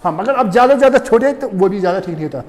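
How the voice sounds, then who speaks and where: A man's voice: high-pitched, animated, rapid-fire, a little mellow, big-room sound. A male English teacher giving a classroom lecture, explaining step by step and checking again and again whether the students understand. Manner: repeats "do you understand?" often, explains step by step.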